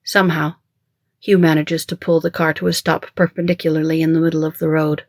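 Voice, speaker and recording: An author reading their own mystery-thriller audiobook in first person, with a measured, even storytelling manner, recorded close to the mic. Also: mid-range voice, no echo. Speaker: author and narrator.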